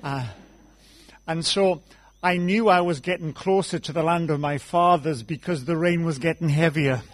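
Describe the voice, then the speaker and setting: A man's voice: a little high, normal speed. Welsh man preaching a storytelling sermon. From South Wales. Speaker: guest preacher. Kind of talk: conversational sermon.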